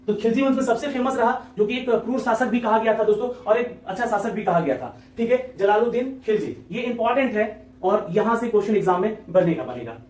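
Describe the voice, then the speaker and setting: A man teaching an exam-prep lecture, talking quickly and repetitively, often checking in with his listeners. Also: extremely high pitch, a little mellow, roomy sound, distant mic, slight background noise.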